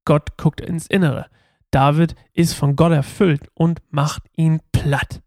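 Gravelly, chatty man reading Bible stories. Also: fairly high pitch, flat delivery, a little mellow, no room sound, clean studio sound. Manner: chatty, slangy, quick asides, dramatic reading. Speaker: Bible podcast host. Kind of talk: casual Bible reading and commentary.

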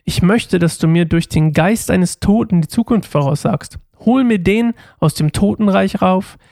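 A man voicing a desperate, frightened king, read aloud with a high, gravelly voice. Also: measured pace, darkish tone, dry recording, studio quality. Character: desperate, fearful old king.

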